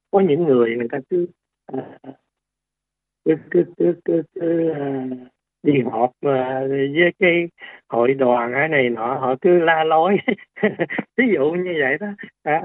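A man's voice: on the high side, expressive, unhurried, no echo. A man, a doctor explaining things on a radio interview, hesitant with many fillers and restarts. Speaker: doctor guest. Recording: tinny phone-like radio line.

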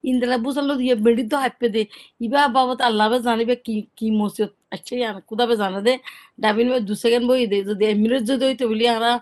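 In an interview, a woman whose native language is Rohingya describes events she saw firsthand, talking conversationally and repeating words often. Her voice leans high and somewhat dark in tone, with fairly even intonation and a fast pace.

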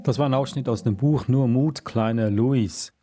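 A man calmly and reflectively discussing a children's book he has just heard read. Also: mid-range voice, over loud music. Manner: measured, reflective. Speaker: book reviewer, co-host.

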